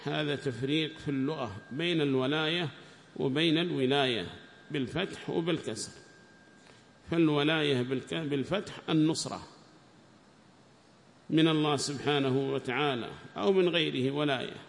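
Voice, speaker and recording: A man with a somewhat high voice gives a lesson on a classical Quran commentary. He reads each passage aloud slowly and then explains it in a calm teaching tone. His voice rings out with a long hall reverb. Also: creaky. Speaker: religious teacher.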